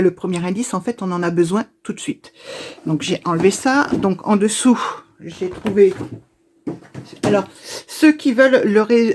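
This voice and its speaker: A woman of ordinary pitch talks casually to her viewers while unboxing. She hesitates often and fills the gaps with fillers. She stumbles over words and goes back to correct herself. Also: darkish tone, slight background noise. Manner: chatty, hesitant, many fillers and restarts. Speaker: YouTuber opening advent calendars. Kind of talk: casual unboxing chat to camera.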